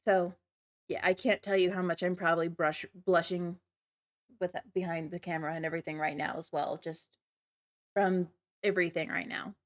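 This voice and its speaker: A woman's voice: lowish voice, level tone, normal speed. A woman livestreamer chatting casually to viewers, with a giggly, apologetic and slightly nervous manner. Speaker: livestreamer, virtual avatar host.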